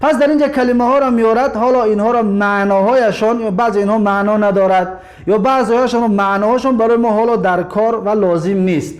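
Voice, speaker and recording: Male Arabic teacher, Tajik accent, higher-pitched voice; patient, methodical, repeats every word twice. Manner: slow, deliberate pronunciation drills with repeated words; formal religious greetings before teaching. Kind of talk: recorded video lesson.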